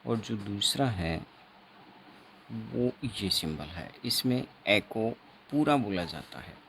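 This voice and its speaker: A man teaching an exam-prep phonetics lesson, explaining slowly and repeating himself, writing on a board as he talks, with Indian English words. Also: lowish voice, animated, gravelly, fairly bright tone, a little hiss or hum. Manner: slow, repetitive teaching with frequent checks; writes on a board while talking.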